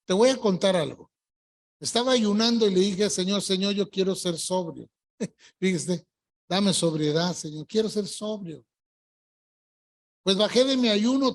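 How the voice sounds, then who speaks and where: An older pastor preaches to his congregation with an emphatic delivery. He stretches the words he wants to land and calls out to his listeners. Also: sits high. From Colombia. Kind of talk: evangelical sermon. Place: church service.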